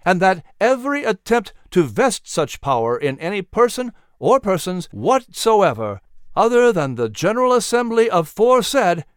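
A man's voice: sits high, clean tone, no echo, studio quality, pitched above the performer's own voice. A man voicing a defiant colonial orator declaiming formal resolutions.

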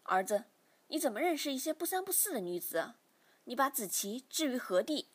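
A woman's voice: a little high, very animated, moderate pace, breathy edge. A woman reading as a stern, scolding father. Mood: angry. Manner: scolding, indignant. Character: stern angry older father scolding his son. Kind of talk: storytelling reading.

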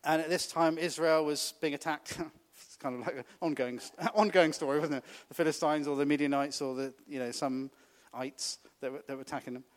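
A man's voice: on the high side, fairly even intonation, a little fast. A man preaching a conversational sermon, often laughing and asking the congregation questions.

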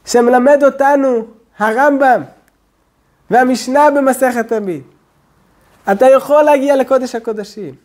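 A male rabbi preaches a sermon slowly and deliberately, often dropping suddenly to a low, quiet hush.

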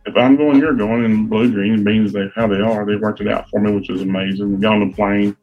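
Guy from virginia telling stories on a podcast, kinda husky, dull sound, faint music. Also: fairly low pitch, monotone, brisk. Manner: folksy, self-deprecating storyteller. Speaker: guest co-host, sales rep. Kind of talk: casual podcast chat.

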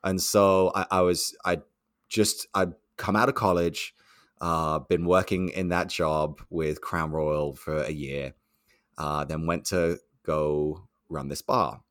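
A man's voice: deep voice, slow, no room sound, clean studio sound. A young man telling a story in conversation, acting out the other voices in it. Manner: animated storyteller, acts out quoted voices.

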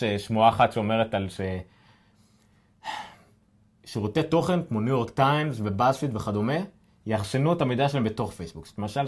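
A man with an Israeli accent co-hosting a casual tech news chat, speaking haltingly as he searches for words. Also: mid-range voice. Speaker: podcast co-host.

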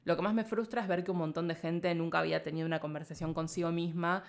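A woman's voice: on the low side, steady tone, quick pace, vocal fry. A woman with an Argentine accent, a guest in an interview, talking casually and reflectively. She rambles and thinks aloud, leaning on filler phrases, and laughs now and then. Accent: Argentine Spanish.

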